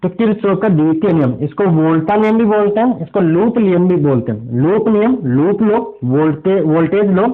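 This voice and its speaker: A man with a high voice teaching an exam revision lesson in physics. He walks through each step and keeps asking the class questions he answers himself. The sound is thin and tinny, like a phone line. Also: animated, normal speed, few pauses. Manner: explains step by step, poses rhetorical questions to students. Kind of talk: exam revision lecture at a board.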